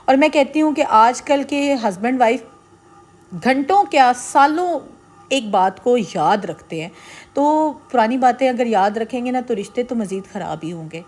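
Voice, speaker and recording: A woman's voice: on the high side, animated, darkish tone. A middle-aged woman giving earnest, persuasive marriage advice straight to her viewers in a casual vlog. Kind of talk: casual advice talk to camera.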